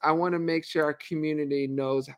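A man with a somewhat high voice hosts an interview. He speaks in a casual, conversational style, as in an informal chat with a guest. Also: fairly even intonation, a little fast, clear, resonant tone. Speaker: interview host.

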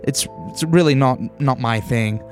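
A man's voice: mid-range voice, normal speed, close to an everyday voice. A man voicing a squeamish, apologetic, fussy newspaper writer in a tabletop game, with a hesitant stammer. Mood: apologetic, flustered. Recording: background music under the voice.

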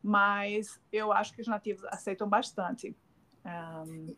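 Speaking at an ordinary middle pitch with a sharp tone, this middle-aged Northeastern Brazilian woman is a guest in a casual remote interview. She sounds halting and searching, full of fillers, restarts and tag questions, over a slight hiss or hum.

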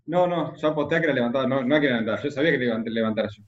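A man speaks quickly as an interview guest, with a Rioplatense Spanish accent. He sounds confident and matter-of-fact. The room is echoey and the sound a little dull. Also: mid-range voice. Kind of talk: casual interview.

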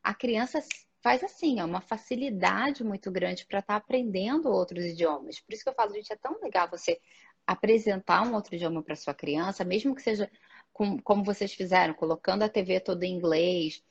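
Brazilian immigrant mom, husky voice, lively anecdotal chat, lo-fi sound. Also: female voice, mid-range voice, fairly quick. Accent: Brazilian Portuguese. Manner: lively storytelling, acting out dialogue. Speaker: immigrant mother. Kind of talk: casual chat.

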